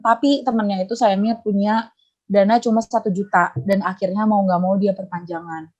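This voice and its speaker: A young woman on a podcast, telling a casual story about her work as a debt collector, acting out both sides of phone calls in a slangy, animated way. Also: mid-range voice, normal speed. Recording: dull lo-fi podcast audio.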